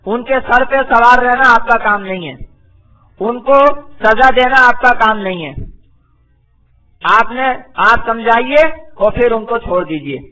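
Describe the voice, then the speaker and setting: In poor-quality audio, a male Quran teacher and Islamic scholar lectures on religion with a very high-pitched, bright, forceful voice. He recites each verse in phrases, then translates and explains it, repeating points to teach.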